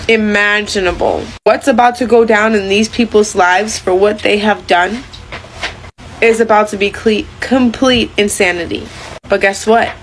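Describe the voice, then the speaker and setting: A woman speaking like a preacher, solemn and deliberate, delivering a foreboding warning of divine judgment. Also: mid-range voice, a little hiss or hum, poor audio. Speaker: religious commentator. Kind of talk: prophetic sermon-like warning.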